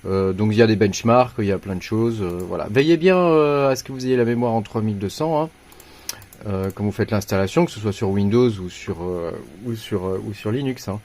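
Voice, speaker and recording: A man's voice: lowish voice, animated, brisk, a little mellow. A man hosting a casual computer tutorial, talking informally with many hesitations and restarts. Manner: informal, slangy. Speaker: tech tutorial host. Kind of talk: casual screen-recorded tutorial.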